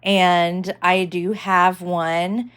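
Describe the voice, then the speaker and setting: A woman's voice: fairly low pitch, level tone, drawn-out words, a bit bright, smooth. A woman vlogger giving a casual tech demonstration, rambling with lots of fillers.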